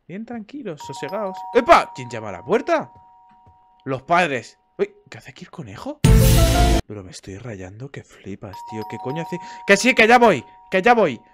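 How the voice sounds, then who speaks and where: A young Spanish man with a Spain Spanish accent doing loud, crude let's-play commentary on a game and switching to low mutters. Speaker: streamer.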